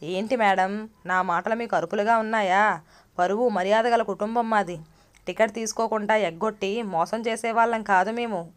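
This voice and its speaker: A woman storyteller voicing a loud, quarrelsome male bus passenger who demands his ticket and boasts of his family's honour. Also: a little high, fairly quick, close to an everyday voice. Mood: indignant, demanding. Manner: shouting, demanding, self-righteous.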